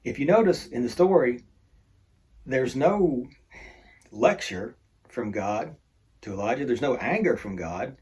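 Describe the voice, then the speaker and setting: A man's voice: mid-range voice, animated, measured pace, pauses often, a little mellow. A man teaching an adult Bible study in a casual, conversational way, with joking asides.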